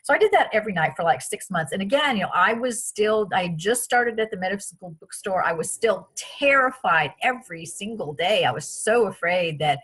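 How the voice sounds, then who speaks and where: Husky-voiced woman telling stories. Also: mid-range voice, fairly quick, few pauses. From France. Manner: chatty, animated retelling with many restarts. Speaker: interview guest. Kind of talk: casual interview storytelling.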